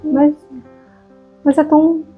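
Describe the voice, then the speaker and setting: Brief: Brazilian woman co-host, agreeable and affirming, voice a bit high, soft music behind. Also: level tone, slow pace, narrow, tinny audio. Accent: Brazilian Portuguese. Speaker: podcast co-host. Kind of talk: casual conversation.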